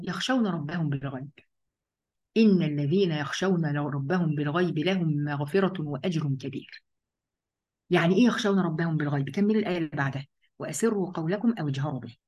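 A woman with an Egyptian accent leads a Quran study lesson at a brisk clip. She keeps her listeners engaged by posing questions and answering them herself, addressing her female audience directly. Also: on the low side. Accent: Egyptian Arabic. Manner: lively, asks and answers her own questions. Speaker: religious teacher.

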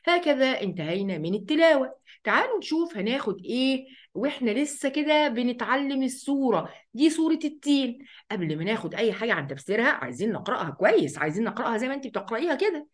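A woman with an Egyptian accent teaching the rules of Quran recitation, chatting casually, asking and answering her own questions and reciting verses slowly. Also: fairly high pitch, big pitch swings. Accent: Egyptian Arabic. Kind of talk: tajweed lesson.

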